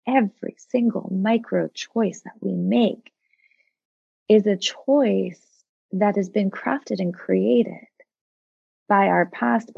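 A woman's voice: medium pitch, gravelly, husky, no echo, dull audio. A woman of forty, a coach and former psychologist, speaking as a podcast guest in a reflective, earnest way with many fillers. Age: 40s. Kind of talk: casual podcast conversation.

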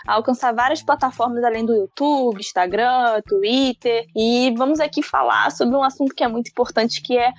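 A woman of twenty-one with a Carioca accent, explaining things as an interview guest in informal, everyday words. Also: sits high. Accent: Carioca, Rio de Janeiro. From Rio de Janeiro, Brazil. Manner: informal, everyday wording with tag questions. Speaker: guest, financial education content creator. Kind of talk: casual explanatory interview talk. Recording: slightly dull audio with music behind. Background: background music.

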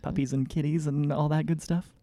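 A man hosting an interview, asking questions in a relaxed, chatty way with many fillers. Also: a little high, fairly quick, dry recording. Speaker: podcast host. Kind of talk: casual interview conversation.

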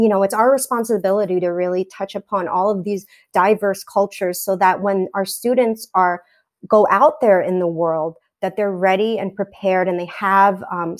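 A woman talks through her answers in a thoughtful way. She often restarts her sentences and fills the gaps with ums. Her voice sits at an ordinary, middle pitch. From New York, USA. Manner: reflective, many fillers and restarts. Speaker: teacher. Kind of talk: conversational interview.

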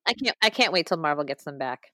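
A woman co-hosting a podcast in casual chat, animated and ranting, with quick asides and laughs. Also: low-pitched, no room sound, studio quality. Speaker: podcast co-host.

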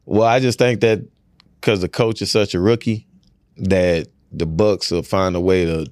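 A man co-hosting a podcast in casual chat, loud and joking, laughing a lot. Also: steady tone, a little slow, no echo, clean studio sound. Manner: loud joking banter, laughs a lot, swings into high exclamations. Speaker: podcast co-host.

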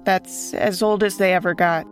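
A woman hosting and narrating a scripted true story in a measured storytelling manner. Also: on the low side, steady tone, soft background music. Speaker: podcast host and narrator.

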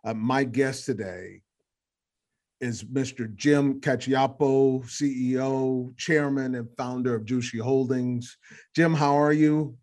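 A man hosts a casual interview podcast at a middle pitch, chatty and loose. He stumbles and restarts often while asking questions. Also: fairly even intonation, slow pace, darkish tone. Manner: chatty, many fillers and restarts. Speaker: podcast host.

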